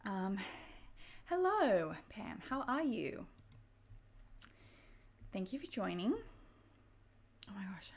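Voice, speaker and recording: A woman's voice: medium pitch, big pitch swings, slow pace, long pauses. A woman hosting a casual book club livestream, out of breath and chatty, laughing often and a little frazzled. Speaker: booktube livestream host. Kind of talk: casual live-stream chat.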